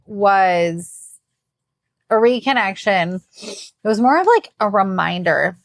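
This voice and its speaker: A woman's voice: mid-range voice, lively intonation, slow, gravelly, no echo, clean studio sound. A middle-aged woman co-hosting a podcast in casual, rambling chat, tired and yawning, laughing often. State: sleepy. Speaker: podcast co-host.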